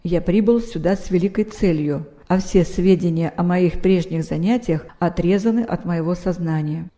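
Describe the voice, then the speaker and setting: Secretive gaunt toothless man read by a woman, conspiratorial, mellow low tone, long reverb. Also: normal speed, lightly acted. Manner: confiding, conspiratorial. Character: gaunt gap-toothed man claiming a mystic's rebirth, secretive.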